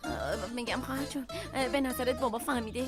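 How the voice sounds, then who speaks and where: Brief: woman voicing an anxious young sister, high-pitched. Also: over loud music, lightly acted. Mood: worried. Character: anxious young village daughter. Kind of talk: dubbed TV drama.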